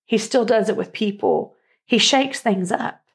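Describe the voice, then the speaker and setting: A woman's voice: fairly high pitch, a little slow. A woman co-hosting a faith-based talk show, speaking in an earnest, reflective conversational way. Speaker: co-host.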